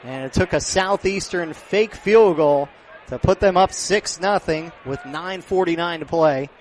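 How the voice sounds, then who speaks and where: With a slightly high voice and a measured pace, a man handles live football play-by-play for radio. The close-miked recording from an outdoor stadium carries clear background noise from the venue.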